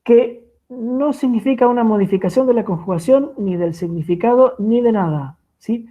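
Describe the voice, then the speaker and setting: Argentine teacher lady explaining grammar, kinda high voice, patient, keeps asking "sí?", tinny call audio. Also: moderate pace. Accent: Argentine Spanish. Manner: patient, checks in with frequent "¿sí?". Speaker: French language teacher. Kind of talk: online lecture explaining grammar. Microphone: video call.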